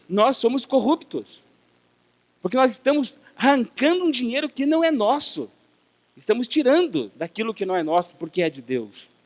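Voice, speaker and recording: A Brazilian man preaches from the pulpit in a fairly high voice, building emphasis and tossing rhetorical questions to his congregation. His words ring out with the long reverb of a church hall. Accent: Brazilian Portuguese. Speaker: pastor. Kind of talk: sermon.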